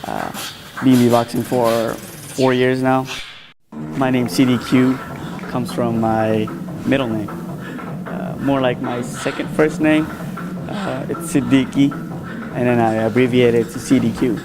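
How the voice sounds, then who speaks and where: Relaxed man in an interview. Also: mid-range voice, a little slow, pauses often, poor audio. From Malaysia. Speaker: interviewed beatboxer. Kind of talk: casual interview.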